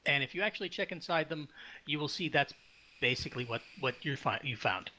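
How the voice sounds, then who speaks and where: A man's voice: a little high, a little fast. A man running a tabletop game as game master, talking loosely and stopping often with fillers and restarts. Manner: relaxed, hesitant with many fillers and restarts.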